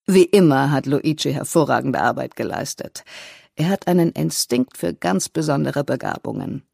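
Narrator doing smooth formal opera boss, middle-aged guy, polite, husky low voice. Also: lively intonation, moderate pace, a little mellow, dry recording, studio quality, exaggerated voice. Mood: courteous. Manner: formal, courteous. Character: polished middle-aged man, opera house director.

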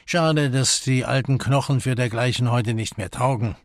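A man playing a gruff old major. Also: mid-range voice, moderate pace, no echo, studio quality, close to an everyday voice. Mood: terse. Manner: terse, gruff. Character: older retired army major, gruff and terse.

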